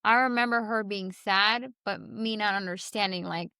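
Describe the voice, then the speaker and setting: A woman co-hosting a podcast in casual chat, blunt and animated, swearing freely. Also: medium pitch, normal speed, clean tone, no room sound, studio quality. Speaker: podcast co-host.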